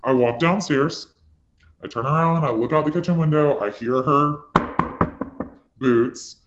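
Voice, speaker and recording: A man's voice: fairly high pitch, measured pace, echoey room, very noisy. A young man telling a long personal story in a casual, rambling way, peppered with "like" and dramatic asides. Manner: rambling, full of "like" fillers, dramatic retelling. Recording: dull lo-fi recording.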